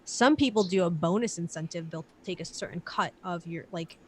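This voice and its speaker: A woman's voice: fairly low pitch, moderate pace, slight background noise. Casual woman in her late twenties. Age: late 20s. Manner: loose, filler-heavy talk with casual swearing. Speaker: digital marketer guest. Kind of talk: casual live-stream chat.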